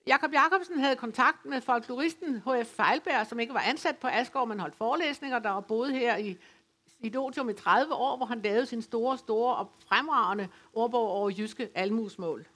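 A woman from West Funen giving an academic lecture, speaking in a measured, explanatory way with occasional hesitations. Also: a little high, a bit bright. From West Funen, Denmark. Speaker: lecturer on dialect literature. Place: folk high school lecture venue.

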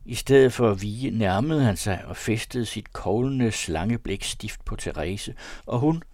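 Deep-voiced man reading a classic novella. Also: no room sound, clean studio sound. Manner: measured, expressive reading. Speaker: audiobook reader. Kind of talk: literary audiobook narration.

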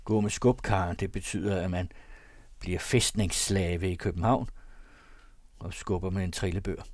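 A man narrating an old story aloud in a steady storytelling manner. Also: low voice, dry recording, clean studio sound.

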